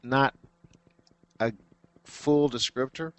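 A man's voice: medium pitch, slow, fairly bright tone. A man speaking as a guest on a talk show. He is thoughtful and hesitant, with frequent "um"s. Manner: thoughtful, hesitant, many fillers. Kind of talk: casual radio talk.

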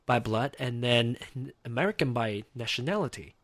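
A man's voice: mid-range voice, animated, moderate pace, a bit bright, no echo. A man from Malaysia, hosting a casual talk show; he chats easily, laughs often and restarts his sentences. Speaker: host.

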